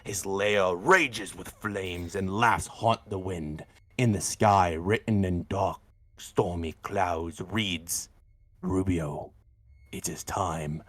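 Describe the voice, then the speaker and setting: A man voicing an ominous demonic lore-giver who warns of hell in slow, solemn tabletop game narration with a husky voice. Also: sits low, fairly bright tone. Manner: slow solemn dramatic delivery.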